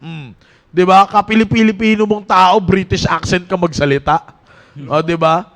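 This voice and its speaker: Brief: man, youth preacher, high voice, animated and joking, church sermon. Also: normal speed. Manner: animated, joking storyteller who breaks into laughter. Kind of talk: casual Taglish sermon to young people.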